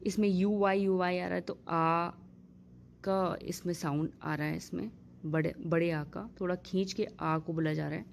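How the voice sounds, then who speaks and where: A woman teaching English vowel sounds in a patient lesson, spelling out example words slowly. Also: on the low side, steady tone, creaky, slight background noise. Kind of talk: Hindi-language pronunciation lesson.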